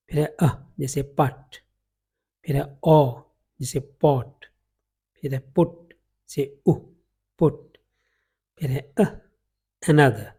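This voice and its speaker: A man with a dark, husky, gravelly voice, a bit high for a man, teaches English phonetics in Urdu-Hindi with English examples. He moves at an unhurried pace, drawing out each example word to show its vowel sounds so learners can hear them.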